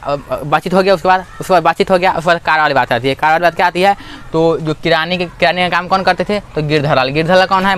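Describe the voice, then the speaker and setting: A man's voice: fairly high pitch, a bit bright, slight background noise. A man explaining a school literature chapter as a teacher, asking and answering his own questions over and over.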